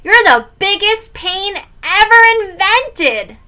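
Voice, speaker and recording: A woman's voice: high voice, big pitch swings, normal speed, sharp tone, heavily acted. A woman voicing a fed-up older brother of about ten who talks in an indignant, sarcastic way.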